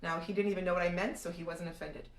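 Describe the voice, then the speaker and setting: Answering viewer questions about the market on a live stream, a Serbian real estate analyst speaks fast in a lowish, fairly even voice, thinking aloud with many restarts. The distant mic places her in an echoey room, a bit off-mic.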